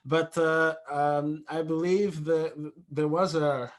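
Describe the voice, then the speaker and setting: A Cameroonian musician in his thirties answers questions casually on a video call. He speaks slowly and thoughtfully in a somewhat high, flat voice, often restarting as he searches for words.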